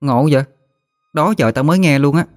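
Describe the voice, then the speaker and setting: A man voicing a bold ten-year-old village girl, high and chatty. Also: a little fast, no echo, soft background music, lightly acted. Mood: curious.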